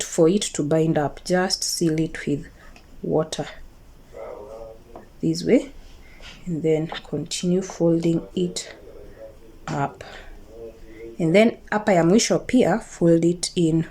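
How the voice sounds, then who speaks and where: This Kenyan home cook has a low, mellow voice with fairly even intonation, and she speaks slowly, pausing often. With a Kikuyu accent, she presents a casual recipe video, repeating her words, checking in with viewers, and using some Swahili amid her English. Kitchen clatter makes the home recording clearly noisy.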